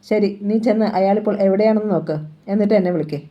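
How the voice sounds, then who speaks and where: A calm middle-aged boss, read by a woman. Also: mid-range voice, fast talker, lo-fi sound, lightly acted. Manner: calm, instructing. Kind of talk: audiobook novel reading.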